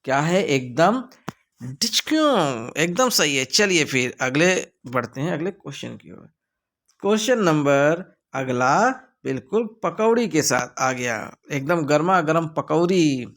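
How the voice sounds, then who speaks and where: A man with a Hindi accent and a fairly high, slightly bright, expressive voice teaches an English grammar lesson at an unhurried pace. He walks the class through answer options, adding playful, theatrical asides.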